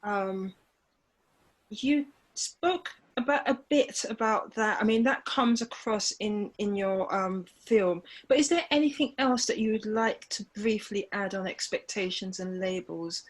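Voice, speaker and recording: A woman's voice: medium pitch, measured pace. Woman hosting an online panel. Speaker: host. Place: home, online video call.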